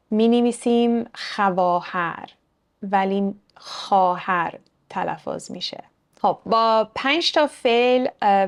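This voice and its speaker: A young woman who hosts her own online channel, teaching Persian vocabulary with patient, clear explanations and English glosses. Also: mid-range voice, a little mellow. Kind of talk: online language lesson, explaining words.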